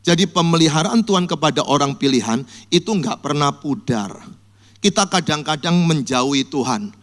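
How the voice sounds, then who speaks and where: A male pastor preaching a sermon, telling Bible stories vividly and acting out people's cries for help in a high voice. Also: normal speed. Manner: lively storytelling, acts out cries in a high voice. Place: church.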